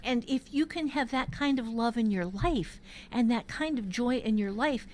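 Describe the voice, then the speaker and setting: This woman speaks a little high, at a moderate pace and with a somewhat mellow tone, over slight background noise. She hosts and teaches a podcast workshop in a casual, candid style, swearing freely as she tells personal stories with emphasis.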